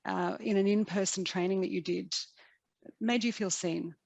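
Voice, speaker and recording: A woman's voice: mid-range voice, fairly even intonation, normal speed, creaky, a little mellow, no room sound, muffled recording. A woman hosting an interview, asking chatty, loosely worded questions. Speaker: interview host.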